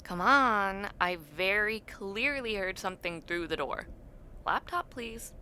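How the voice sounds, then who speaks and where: In a casual audio roleplay, a young woman voices a teasing, friendly university student who talks straight to the listener, reacting expressively and stretching words. Her mood is nosy and playful, her pitch medium. There's a little background noise.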